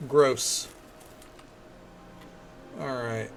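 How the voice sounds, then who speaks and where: A man's voice: medium pitch, fairly even intonation, drawn-out words, creaky, soft background music. A man giving casual, chatty gameplay commentary as a streamer, thinking aloud. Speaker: game streamer.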